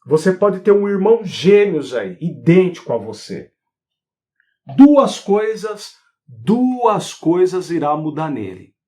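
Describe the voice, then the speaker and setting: A man hosts a live online talk on spiritual matters. His voice sits a little high for a man, and he speaks in an animated way, firing rhetorical questions and checking that listeners follow. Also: slow. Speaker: spiritual therapy host.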